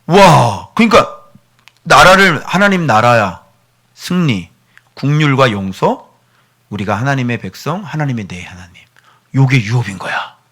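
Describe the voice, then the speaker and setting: A middle-aged man preaching a sermon as pastor, animated, moving between hushed whispers and near-shouts. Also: medium pitch, normal speed, pauses often. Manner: acts out a doting father's voice.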